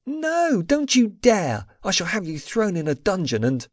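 A man voicing a haughty, spoiled young princess in an audiobook, with shrill, indignant protests. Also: huge pitch swings, normal speed, darkish tone, no room sound, clean studio sound. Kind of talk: audiobook character voice.

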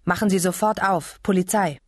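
A woman's voice: lowish voice, moderate pace, no echo, clean studio sound, lightly acted. A woman reading an audiobook, voicing a harsh male policeman who bellows commands at a door. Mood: shouting. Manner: barking loud commands. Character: shouting male French policeman, harsh, brutal.

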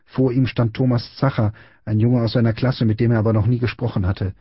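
A man, the author, reading his own novel aloud in calm, even audiobook narration. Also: mid-range voice, brisk, breathy edge, no echo, dull audio.

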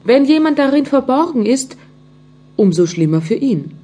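A woman's voice: high-pitched, very animated, moderate pace, mellow, voice pushed up. A woman voicing an old male carpenter who talks to himself and gets easily frightened, in a storybook. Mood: fearful. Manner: talks to himself, stammering when scared.

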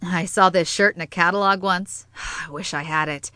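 A woman voicing a playful, frank young woman who talks low and teasing in an audiobook. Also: flat delivery, moderate pace, sharp tone, dry recording.

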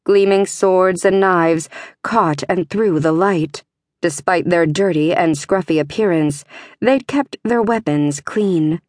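Low, slow woman narrating a fantasy audiobook. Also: no echo, studio quality.

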